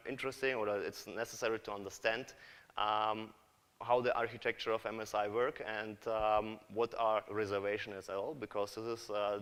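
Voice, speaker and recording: A man's voice: mid-range voice, fairly bright tone, clean tone. Man giving a hesitant conference talk. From Kazakhstan. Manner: hesitant, many fillers and restarts. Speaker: conference speaker, developer. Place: large conference hall. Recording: reverberant hall.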